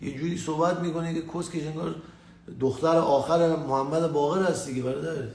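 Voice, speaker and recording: A man from Tehran telling crude personal stories in a rambling, profane, animated way. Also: fairly high pitch. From Tehran, Iran. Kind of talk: casual storytelling monologue. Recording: echoey room with faint ambient noise.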